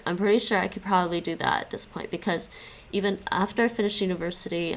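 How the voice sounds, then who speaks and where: While she studies languages on a live stream, a young woman talks casually with viewers, often breaking off to restart and laughing plenty. She has a fairly low, creaky voice.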